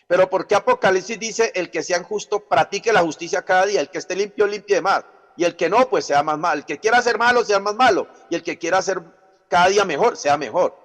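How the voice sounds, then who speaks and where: Man, pastor-teacher, slightly high voice, explanatory with rhetorical questions, echoing hall. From Colombia. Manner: explanatory, rhetorical questions, repeats phrases for emphasis. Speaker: pastor teaching a chaplaincy class. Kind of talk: Bible teaching lecture. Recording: long hall reverb.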